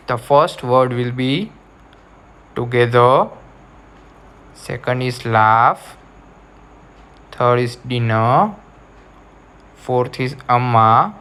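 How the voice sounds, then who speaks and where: A male teacher guides a class through a reading lesson. He speaks slowly and deliberately, repeating each instruction. His voice sits in an ordinary middle register. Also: medium pitch, a bit bright, clear, resonant tone.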